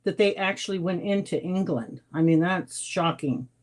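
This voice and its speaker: A woman's voice: fairly low pitch, normal speed. A woman interviewing a guest in an effusive, encouraging way. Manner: effusive, encouraging, calls guest her hero. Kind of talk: casual interview talk.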